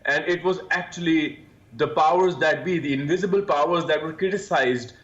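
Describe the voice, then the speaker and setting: A man's voice: on the high side, normal speed, fairly bright tone. Man giving news analysis over echoey, dull link. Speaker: journalist, guest commentator.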